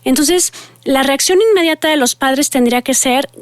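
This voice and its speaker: A woman's voice: sits high, normal speed, dry recording. A woman psychologist, giving earnest advice to parents and speaking directly to her listeners.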